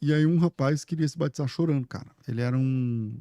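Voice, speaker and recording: Um pastor na casa dos quarenta anos, convidado de um podcast, que conta histórias de forma animada, ri e cita a si mesmo. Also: male voice, mid-range voice, fast, dry recording. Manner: animated, laughing storyteller who quotes himself. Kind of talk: casual podcast storytelling.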